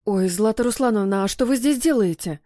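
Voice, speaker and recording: A woman's voice: mid-range voice, fairly quick, mellow, no room sound, clean studio sound, lightly acted. A woman voicing a chatty, gossipy young housemaid with a gushing manner in an audiobook. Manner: giggly, gushing.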